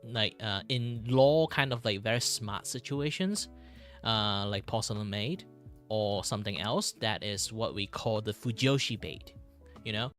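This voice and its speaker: A man with a fairly deep voice chats casually on a livestream. He rambles haltingly and circles back over phrases, with soft music underneath. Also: expressive. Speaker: VTuber streamer.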